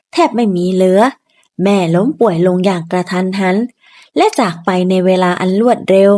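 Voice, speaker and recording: A woman's voice: mid-range voice, a little mellow. Woman narrating a story.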